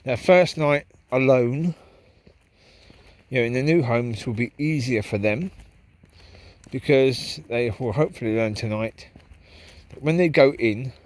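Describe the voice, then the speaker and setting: A man with a medium-pitched, slightly mellow voice speaks unhurriedly to a handheld camera while walking his dogs along a park path at night. The vlogger's monologue is casual, reflective and rambling.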